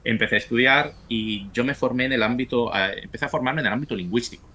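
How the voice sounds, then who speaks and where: An Italian university professor in his forties, a native Italian speaker, is a talkative guest in a casual interview, stumbling and restarting often. His mid-range voice is husky, pushed and bright, and he talks fast.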